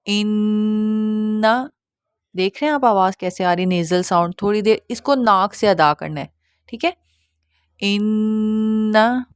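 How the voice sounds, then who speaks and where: A woman gives an online Quran recitation lesson, explaining patiently step by step, often checking that listeners follow, and drawing out nasal sounds slowly as examples. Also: medium pitch, lively intonation, no room sound, clean studio sound. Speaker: Quran tajweed teacher.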